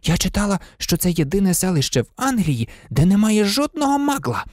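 An audiobook reader voicing an earnest know-it-all teenage girl who talks quickly and insistently. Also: mid-range voice, big pitch swings, no room sound, clean studio sound, pitched above the performer's own voice, lightly acted. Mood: curious. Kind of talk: audiobook character reading.

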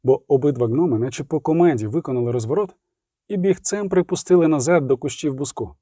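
A man reading a story aloud as narrator, in a measured, expressive way, close to the mic. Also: on the high side, dry recording. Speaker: audiobook narrator. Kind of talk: scripted narration.

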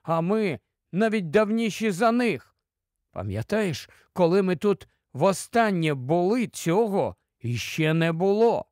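A man's voice: high-pitched, sing-song, slow pace, a little mellow, dry recording, studio quality, voice pushed up, heavily acted. A man voicing a boy who whispers in awe in an audiobook. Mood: awed.

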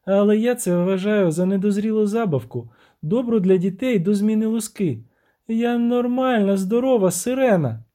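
A man voicing a haughty, indignant young female siren who speaks in a shrill, singsong, complaining tone. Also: moderate pace, mellow, natural voice.

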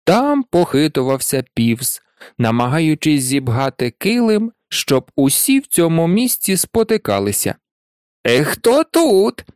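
An audiobook narrator reading a fantasy story in an animated storytelling manner. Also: mid-range voice, unhurried, clean tone, no echo, studio quality. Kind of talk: scripted narration.

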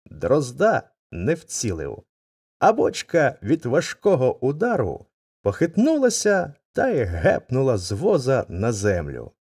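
Husky man reading a folk tale. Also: medium pitch, no room sound, studio quality. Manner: expressive, dramatic intonation. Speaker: narrator. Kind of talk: storybook reading.

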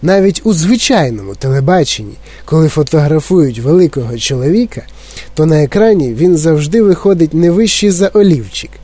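A male storyteller puts on a fizzing, eccentric chocolate maker from a children's storybook. He pitches up high and barks eager orders. The voice sits close and dry. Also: animated, a little fast, warm tone, no room sound. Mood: commanding. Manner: exclaiming, bossy and eager.

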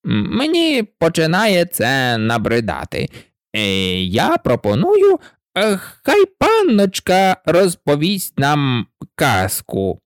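A reader voicing a bored male march hare in a storybook, with a languid, drawn-out delivery. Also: medium pitch, wildly swooping pitch, no room sound, clean studio sound, full character voice. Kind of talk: storybook reading.

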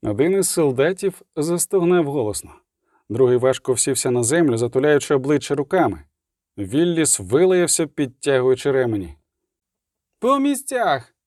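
A man reading an audiobook with steady, even storytelling. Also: medium pitch, normal speed, dry recording, studio quality. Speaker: audiobook narrator. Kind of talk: audiobook narration.

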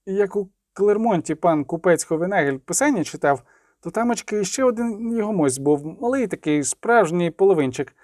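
A man's voice: sits high, lively intonation, normal speed, darkish tone, dry recording, studio quality, pitched above the performer's own voice. A man voicing a servile, eager young peasant lad who rambles and fawns. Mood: pleading. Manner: fawning, rustic, rambling.

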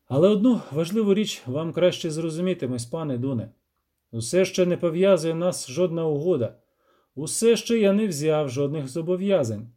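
Give me a man playing a cold, measured monster hunter with a dark, mellow voice. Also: a little high, lively intonation, pitched above the performer's own voice.

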